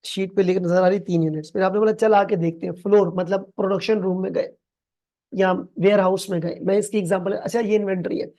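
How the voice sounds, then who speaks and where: Pakistani tutor, mellow, slow reading. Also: male voice, high-pitched, steady tone. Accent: Pakistani Urdu. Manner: explains slowly in Hindi-Urdu with English terms, calls students "beta"; reads English passages very slowly and deliberately. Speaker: accounting exam tutor. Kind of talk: recorded video lecture.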